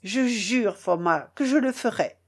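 Storybook role: eager-to-please male colonel begging forgiveness, read by a woman, animated delivery. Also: fairly high pitch, a little slow, breathy edge. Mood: alarmed. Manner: pleading, effusive apologies.

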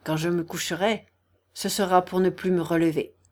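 A woman reading an audiobook, voicing a dying young man who speaks quietly, hoarse and weary. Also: lowish voice, steady tone, moderate pace, close to an everyday voice. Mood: weary calm. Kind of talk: audiobook character voice.

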